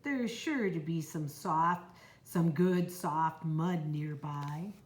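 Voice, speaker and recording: A woman voicing a small runaway farm pig who loves mud, in a slightly lower, plain storybook voice. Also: takes it slowly. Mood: musing. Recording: roomy echo, faint noise.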